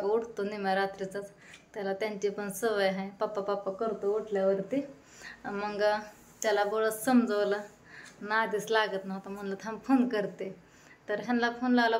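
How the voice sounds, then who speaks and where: A woman's voice: medium pitch, flat delivery, normal speed. Chatty mother telling her morning. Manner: chatty storytelling, quoting herself and her children. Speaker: vlogger and mother. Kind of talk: casual home vlog narration. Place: home.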